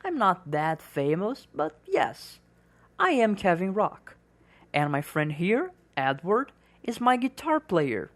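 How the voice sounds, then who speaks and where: A woman reading the part of a modest male rock singer meeting a fan, in slow, carefully pronounced English. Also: lowish voice, big pitch swings.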